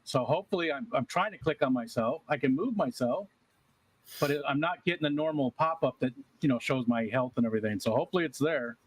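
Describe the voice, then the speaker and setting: A man's voice: medium pitch, animated, quick pace, breathy edge, no room sound, poor audio. A man playing a tabletop game online, joking and rambling. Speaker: player. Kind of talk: casual game chat.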